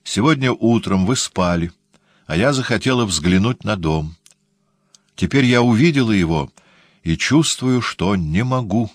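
A man voicing a soft-spoken sad young woman. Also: on the low side, animated, unhurried, no room sound, clean studio sound, voice pushed up. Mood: sorrowful. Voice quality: soft, quiet. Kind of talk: audiobook character reading.

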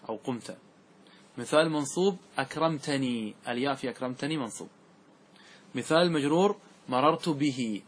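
A man teaching Arabic grammar to a class, explaining step by step, slowly reciting verse lines and asking quick check questions. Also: fairly high pitch, fairly bright tone, breathy edge.

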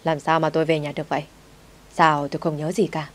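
A woman voicing a spoiled, hot-tempered rich young man who shouts orders, in a storybook reading. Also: deep voice, little pitch movement, quick pace, close to an everyday voice. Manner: shouting, bossy.

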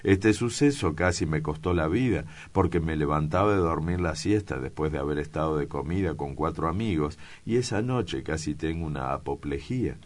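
A man voicing a hot-tempered, vengeful male priest who talks in loud, insistent outbursts. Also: rumbling low, expressive, moderate pace, hardly any pauses. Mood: blustering.

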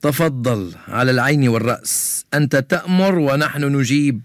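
An actor playing a calm, knowledgeable young science buff who explains things in a children's radio drama. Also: male voice, medium pitch, moderate pace, no echo, studio quality, natural voice. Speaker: science expert character in a radio show.

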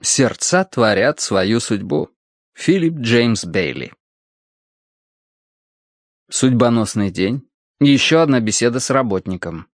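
A man narrating an audiobook in a measured, expressive first-person reading. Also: medium pitch, dry recording, clean studio sound. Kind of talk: scripted narration.

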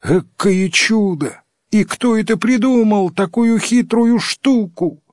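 A man's voice: sits high, slow, darkish tone, dry recording, studio quality, voice pushed up. A man voicing astonished villagers calling out in a storybook reading, stretching out their cries. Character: amazed shouting village folk.

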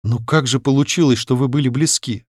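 A man reading an audiobook, voicing a doting aristocratic father who speaks gently to his daughter. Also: medium pitch, a little fast, no room sound, clean studio sound, lightly acted. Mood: tender. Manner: haughty at first, then gentle and soothing.

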